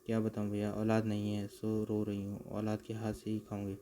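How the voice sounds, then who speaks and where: Male narrator doing a crafty village woman in a comic cartoon, sharp and commanding, flat delivery. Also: on the low side, normal speed, slight background noise, close to an everyday voice. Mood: sweet-talking. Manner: bossy and scolding. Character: shrewd clever village woman, sharp-tongued trickster.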